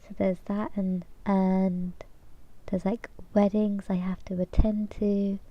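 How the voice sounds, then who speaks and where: Streaming as a VTuber, a young woman with a cold chats casually in a nasal, mid-range voice, her delivery flat and slow. She rambles hesitantly, restarting often and using lots of fillers, on a lo-fi recording.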